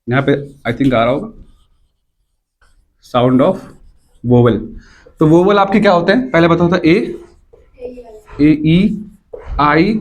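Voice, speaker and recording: High-voiced male teacher, checking in often. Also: slow pace, long pauses, muffled recording. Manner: keeps checking whether students follow, repeats points. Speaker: English teacher. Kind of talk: classroom grammar lesson. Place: classroom with students.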